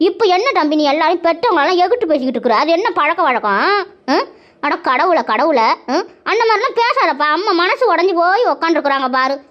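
A bossy, nosy village auntie. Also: female voice, very high-pitched, sing-song, quick pace. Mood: scolding. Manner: bossy, scolding. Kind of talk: cartoon voice acting. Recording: dull lo-fi sound.

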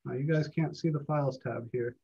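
A man teaching a college math class live online from home, relaxed and encouraging, with many fillers. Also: mid-range voice, a little fast, creaky, slightly rough. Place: home, on a video call. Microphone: computer mic on a video call. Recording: dull lo-fi video call audio.

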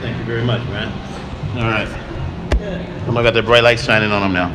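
A man's voice: fairly low pitch, little pitch movement, brisk. A man in his forties giving a loose, chatty walkthrough of his streaming gear, repeating himself as he explains, recorded on a camera mic in a coffee shop at night. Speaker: vlogger showing his streaming setup. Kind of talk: casual walkthrough vlog. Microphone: camera-mounted mic, handheld then on tripod. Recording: noisy coffee shop ambience.

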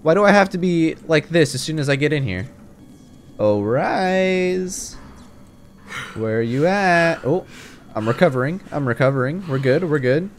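A man's voice: fairly high pitch, animated, brisk, slight background noise. A young man commentating as he plays a video game, rambling to himself and exclaiming in jittery bursts. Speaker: gamer. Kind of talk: let's play commentary.

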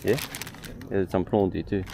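A man's voice: sits low, moderate pace, vocal fry. A young man with an Australian accent, chatting casually and swearing a lot while prawning at night on a lake, filmed on a head camera. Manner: sweary and laid-back. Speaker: vlogger. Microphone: head-mounted action camera. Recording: outdoor camera with steady background noise.

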